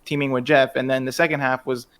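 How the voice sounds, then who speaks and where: A man's voice: mid-range voice, flat delivery, fast, clean tone. A man co-hosting a wrestling podcast, chiming in with quips and opinionated gripes in a casual chat. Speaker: podcast co-host.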